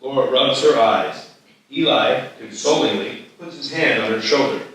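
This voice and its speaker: A man with a bright, medium-pitched voice narrates stage directions at normal speed during a live script reading. He sits far from the mic in a very echoey hall, and some ambient noise can be heard.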